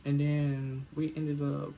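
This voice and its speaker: A man's voice: a little high, monotone, takes it slowly, gravelly, dull audio. A young man casually telling a storytime vlog in a laid-back, slangy way with joking asides. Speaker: vlogger.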